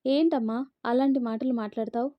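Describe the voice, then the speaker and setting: A woman's voice: a little high, steady tone, fairly quick, no room sound, dull audio, natural voice. A woman voicing a hurt, resentful grown daughter pleading with her mother.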